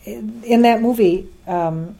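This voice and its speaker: A woman's voice: fairly high pitch, slow pace, creaky, mellow. A middle-aged woman talking casually as an interview guest, chatty, often laughing, with many restarts and fillers. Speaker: guest, science education advocate. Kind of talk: interview conversation.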